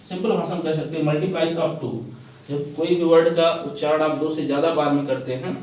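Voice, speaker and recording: A man's voice: fairly high pitch, fairly even intonation, moderate pace, darkish tone. Man, teacher, asks and answers own questions, repeats words, heard from a distance. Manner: asks the class questions and answers them himself, repeats key terms. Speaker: English teacher. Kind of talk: classroom lecture. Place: classroom. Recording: very echoey classroom, mic at a distance.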